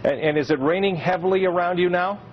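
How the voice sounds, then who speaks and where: A man's voice: high-pitched, quick pace, highs cut off, a little hiss or hum. A male weather presenter doing live storm coverage with urgent questions.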